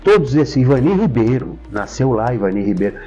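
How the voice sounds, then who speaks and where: An older man with a Brazilian Portuguese accent tells stories as a guest in a conversational interview, enthusiastic and emphatic, often repeating names. His medium-pitched voice is sing-song, brisk and mellow with a breathy edge. The sound is slightly dull, with faint music behind him.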